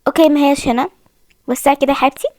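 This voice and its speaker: A woman's voice: high voice, steady tone, very fast, darkish tone, dry recording, studio quality. A young woman with an Egyptian accent, chatting to viewers as she plays a horror game and keeps saying how scared she is. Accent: Egyptian Arabic. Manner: chatty, talks to viewers while playing, often frightened. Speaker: gaming video host. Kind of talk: casual game commentary.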